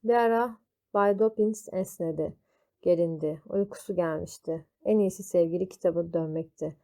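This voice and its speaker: Mellow woman reading a story aloud. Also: lowish voice. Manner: slow, deliberate reading. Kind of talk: reading a children's classic aloud.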